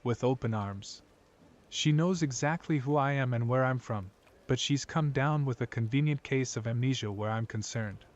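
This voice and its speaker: Male actor as tiefling scoundrel, streetwise, wry, plain-spoken, mid pitch, video game dialogue, slightly dull audio. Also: normal speed, close to an everyday voice. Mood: wry, frank.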